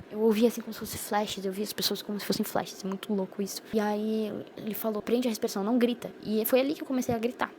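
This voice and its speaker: A woman's voice: mid-range voice, darkish tone, slight background noise. A young woman vlogger telling her own story in a chatty, casual way, full of fillers and slang. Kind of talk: casual personal storytelling to camera.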